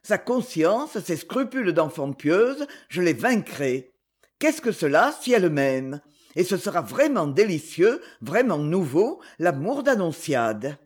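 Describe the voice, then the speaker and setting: Guy reading as a cocky rich young charmer, husky, haughty, swings up and down a lot. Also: sits high, big pitch swings, measured pace, full character voice. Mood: insistent. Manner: ironic, haughty, insistent.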